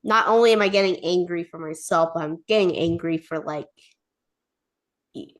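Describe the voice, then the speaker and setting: Chatty low-voiced woman. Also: moderate pace. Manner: chatty, filler-heavy with frequent "like". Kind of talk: casual discussion.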